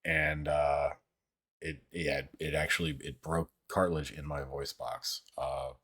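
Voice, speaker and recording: A man hosting a livestream chats casually in a deep, fairly monotone voice, reading viewer comments in a rambling, halting way and swearing plenty. His voice sounds somewhat out of sorts.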